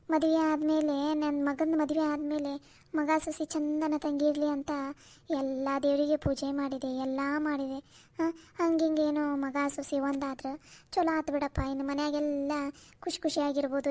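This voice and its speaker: A woman's voice: high voice, level tone, normal speed, mellow, lightly acted. A woman with a North Karnataka Kannada accent voicing a worried older village mother-in-law who complains plaintively. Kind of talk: cartoon voice acting.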